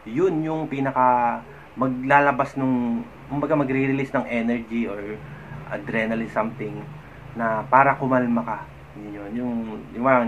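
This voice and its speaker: A man, talking casually to camera as a vlogger and giving advice on managing anger. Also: mid-range voice. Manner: chatty, often adds "no?" and laughs softly. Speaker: vlogger giving mental health tips. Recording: slightly dull, faint background noise.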